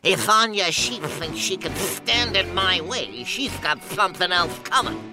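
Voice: medium pitch, expressive, unhurried, close to an everyday voice. An actor voicing a vain, scheming male cartoon duck with a lisp and a sarcastic, bombastic manner. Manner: sarcastic, bombastic self-narration. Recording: music behind. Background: cartoon score.

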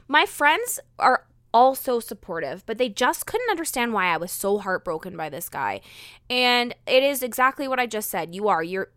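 A young woman hosts her own podcast alone, talking candidly in a chatty stream full of "like" fillers and quick bursts. Her voice is bright and crisp, and it is recorded dry on a close microphone. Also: a little high, no echo. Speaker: podcast host. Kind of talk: candid solo podcast monologue.

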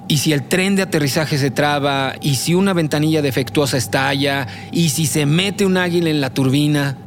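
A man's voice: fairly high pitch, normal speed, slight background noise, close to an everyday voice. A man acting in an audio drama as an anxious, polite, imaginative writer. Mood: anxious musing.

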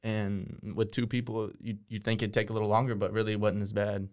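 A man's voice: lowish voice, flat delivery, brisk, darkish tone, clear, resonant tone. A man from Waco, Texas, a guest on a casual interview podcast, speaking plainly and matter-of-factly. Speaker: guest, painter.

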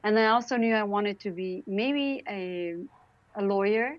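A woman's voice: medium pitch, a little slow, no room sound, highs cut off. A middle-aged woman with a Romanian accent telling her own story conversationally as an interview guest, earnest and emphatic, repeating phrases for stress. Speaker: interview guest, founder and CEO.

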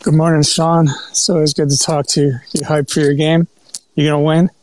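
Male guest caller with a slightly high voice, in casual conversation. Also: level tone, fairly quick, darkish tone, a little hiss or hum, low-quality recording. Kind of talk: casual chat.

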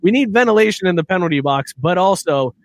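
A man's voice: high voice, animated, fast. Joking man hosting a sports chat. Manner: joking, laughs often, leads topics. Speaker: podcast host.

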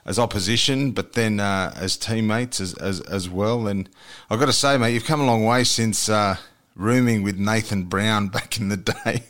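A man's voice: lowish voice, normal speed, fairly bright tone. An Australian man hosting a sports show in a casual, matey way, often repeating himself for emphasis. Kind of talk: casual, chatty interviewing.

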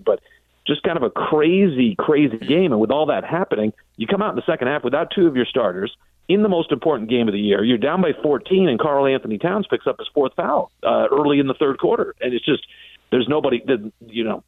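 Being interviewed as a guest on sports radio, this American sports broadcaster tells his stories in a conversational, long-winded, detailed way. He speaks at a medium pitch, and the phone-like, narrow-band recording is dry with no room sound.

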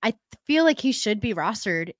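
A woman's voice: medium pitch, very animated, moderate pace, dry recording. A woman co-hosting a casual fantasy football podcast, playful and teasing, laughing often. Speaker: podcast co-host.

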